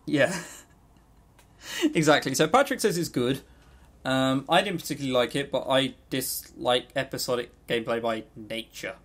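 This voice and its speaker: With a fairly bright, medium-pitched voice at a moderate pace, a man co-hosts a relaxed podcast reviewing games. His take is opinionated, though his delivery wavers with hesitation.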